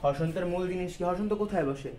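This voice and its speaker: With a warm tone and a voice that sits high, a man talks quickly through a grammar lesson for his students, going step by step and answering his own questions. His style is colloquial, with English words mixed in, and there's slight background noise.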